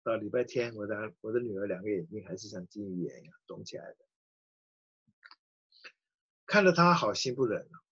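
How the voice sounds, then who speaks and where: A middle-aged man, a pastor, telling a personal story in a sermon with a husky voice. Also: fairly low pitch, a little fast, pauses often, lo-fi sound. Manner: animated storyteller acting out quoted voices.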